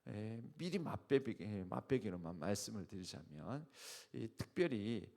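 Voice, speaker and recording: With a lowish, creaky, slightly mellow voice, a man preaches an early-morning sermon in a sing-song, somewhat slow delivery. He is emphatic and explanatory, throws rhetorical questions at the congregation, and relies on fillers and restarts.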